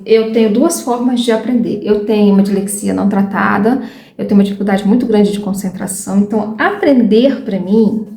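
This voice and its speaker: A woman's voice: medium pitch, mellow, roomy sound. A Brazilian woman in her thirties with a Brazilian accent, chatting frankly to her viewers as she learns English and often loses her train of thought. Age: 30s. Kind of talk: casual chat to viewers.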